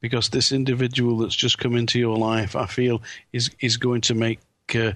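A man hosting a live call-in psychic radio show, giving readings in a halting way with repeated words. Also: medium pitch, little pitch movement, fairly bright tone, dry recording.

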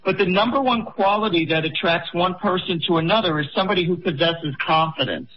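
Homem de cinquenta anos, voz alta e brincalhona. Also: male voice, high-pitched, a little fast, muffled recording. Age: 50s. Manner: chatty, joking, rambling. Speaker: radio co-host. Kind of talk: call-in radio advice.

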